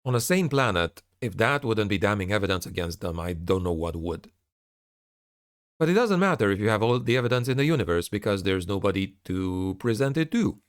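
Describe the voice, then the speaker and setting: A man's voice: fairly low pitch, sing-song, a little fast, clean tone, no echo, studio quality. A man giving a candid spoken update to his viewers, talking in a frustrated, sardonic way as an online creator. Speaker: online narrator and content creator.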